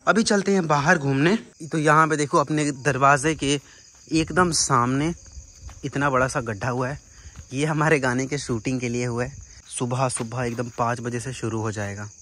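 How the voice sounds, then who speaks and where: A man's voice: medium pitch, moderate pace, sharp tone. A young man, vlogging casually to camera and teasing his siblings. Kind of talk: casual vlog narration.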